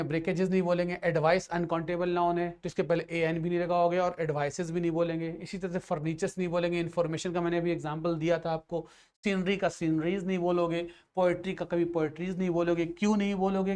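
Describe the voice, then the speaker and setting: A male teacher explains English grammar rules in Hindi, with a voice a little higher than most men's. He talks patiently, mixes in English phrases and keeps checking that his students have understood. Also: a little mellow. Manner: explains patiently, repeats checks like "theek hai". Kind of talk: grammar lesson for exam students.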